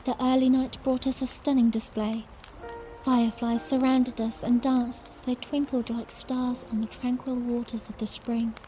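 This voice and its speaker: A woman playing a young princess in a fanmade audiodrama, narrating in the first person in a soft, earnest, unhurried storybook way. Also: fairly high pitch, little pitch movement, soft background music, natural voice, poor audio. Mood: serene, wistful.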